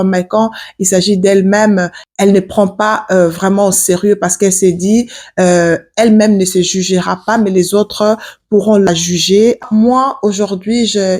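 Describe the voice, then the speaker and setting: A woman in her forties from Africa speaks in a mid-range, slightly mellow voice. As a vlogger, she gives her viewers casual advice to camera, earnest and full of hesitations.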